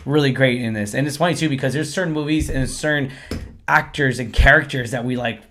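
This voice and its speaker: A man with a hoarse, worn-out voice hosting a casual film review chat, effusive and repeating himself. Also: mid-range voice, a little fast, a bit bright. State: hoarse, lost his voice after singing at a concert. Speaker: host of a movie review show.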